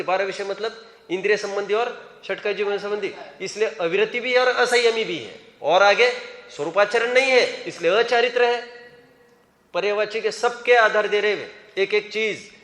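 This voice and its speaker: Male scripture teacher with a high voice who quizzes his students, recorded in a roomy hall with a long echo. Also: moderate pace, fairly bright tone. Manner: questions students by name, urges hands up. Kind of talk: classroom scripture lecture. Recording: echoey hall reverb.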